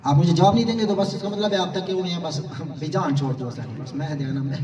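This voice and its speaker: A man's voice: fairly high pitch, noisy background. A man preaching a sermon to a gathering, questioning his listeners and pressing his points. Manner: rhetorical, quizzes the audience. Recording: roomy, far-off mic, crowd.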